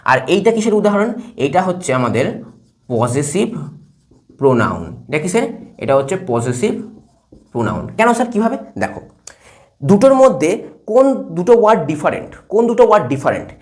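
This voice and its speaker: A man teaches English grammar, writing on a board as he goes. His pitch swings widely and brightly, and his delivery is animated. He keeps stopping to ask his class whether the point is clear. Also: normal speed, long pauses. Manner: lively, asks checking questions again and again. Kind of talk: classroom lesson at a whiteboard.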